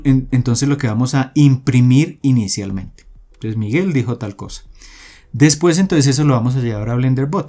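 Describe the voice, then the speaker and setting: Mellow-voiced man explaining code. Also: mid-range voice. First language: Spanish. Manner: explanatory, steady, with frequent fillers and restarts. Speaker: programming tutor. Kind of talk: screen-recorded coding tutorial.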